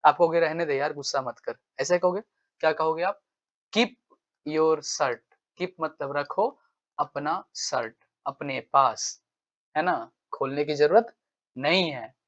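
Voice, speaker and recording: A man teaching a casual exam-prep lesson while nursing a cold, his nose stuffed up. He keeps turning to his students with "right?" and "what will you say?". His voice sits a little high, and the recording sounds dull and lo-fi. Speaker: English teacher.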